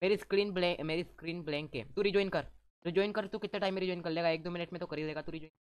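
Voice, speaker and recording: A man giving excited let's-play commentary as a gaming YouTuber, teasing and ordering his teammates around. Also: high voice, very fast, smooth.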